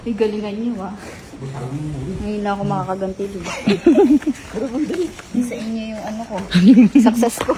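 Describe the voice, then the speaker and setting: A woman's voice: medium pitch, unhurried, long pauses, very noisy. A woman talking casually and plainly at home.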